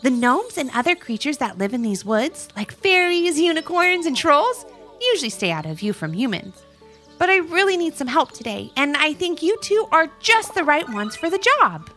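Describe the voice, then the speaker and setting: A woman voicing a sweet, kind little female gnome who speaks gently and anxiously. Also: high voice, sing-song, moderate pace, soft background music, pitched above the performer's own voice, heavily acted. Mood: gentle.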